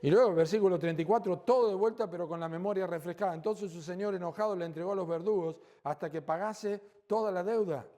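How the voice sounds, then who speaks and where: Male pastor, Rioplatense accent, lively church sermon, fairly high but mellow voice. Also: fast talker, few pauses. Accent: Rioplatense Spanish. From Argentina. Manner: animated preaching, acts out dialogue, rhetorical questions.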